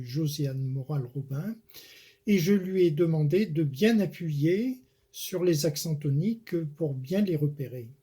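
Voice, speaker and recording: A man giving a measured spoken lesson on poetry, pausing often with hesitation fillers. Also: fairly high pitch, mellow. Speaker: poetry lecturer and author-declaimer.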